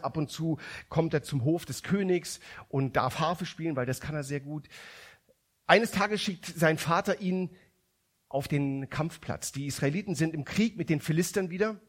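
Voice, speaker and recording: A man preaching a sermon, retelling a story conversationally with frequent restarts. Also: on the high side.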